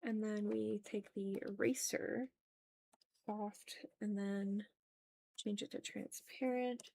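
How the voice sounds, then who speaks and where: This art livestream host has a dark, mid-range voice with vocal fry, and she keeps a steady tone and takes her time. While drawing, she casually mutters to herself and viewers, often being self-critical.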